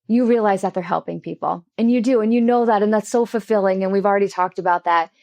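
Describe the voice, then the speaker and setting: A woman's voice: medium pitch, a little mellow, no room sound, studio quality. A woman in her thirties, an engineer and company founder, talking candidly as an interview guest and telling personal stories with frequent restarts. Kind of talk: casual interview conversation.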